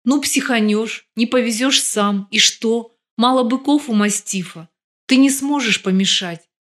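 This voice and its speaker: A woman voicing a bitter, sharp-tongued young woman with raised outbursts in an audiobook. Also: on the high side, a little slow.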